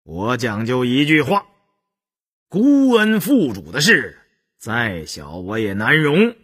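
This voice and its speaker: A man reading an audiobook voices a cold, strict imperial prince who speaks low, slow and severe. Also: wildly swooping pitch, a bit bright, slightly rough, heavily acted. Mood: stern, cold. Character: cold, stern imperial prince laying down rules.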